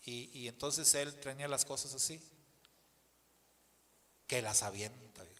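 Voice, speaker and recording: A man's voice: medium pitch, measured pace. A man with a Mexican accent, a pastor telling a story in a sermon and acting out the people in it. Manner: animated storyteller who acts out the people in the story. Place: church hall. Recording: long hall reverb.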